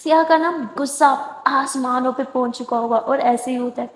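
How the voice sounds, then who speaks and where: A woman's voice: high voice, steady tone, slight background noise. A woman narrating a love story in a chatty way, with asides to the listener. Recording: echoey room with long reverb.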